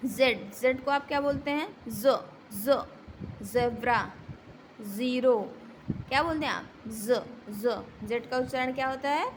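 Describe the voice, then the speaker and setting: A woman's voice: high-pitched, slight background noise, low-quality recording. A woman teaching children letter sounds, asking questions and repeating every sound in a patient classroom manner. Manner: slow, repeats each sound and asks questions. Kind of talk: phonics lesson for children.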